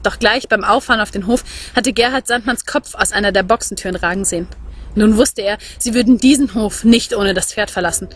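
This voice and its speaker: A woman reading a novel aloud in measured, expressive narration. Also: medium pitch, husky. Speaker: audiobook reader.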